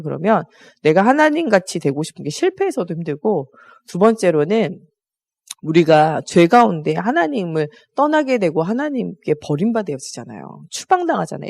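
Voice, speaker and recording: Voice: mid-range voice, gravelly. Preacher talking to the congregation, voice all over the place, lots of questions thrown out. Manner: animated, asks the congregation rhetorical questions. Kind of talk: conversational sermon.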